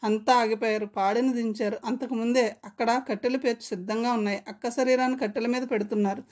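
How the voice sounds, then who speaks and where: A woman narrating an audiobook novel as a storyteller, steady and measured. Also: on the high side.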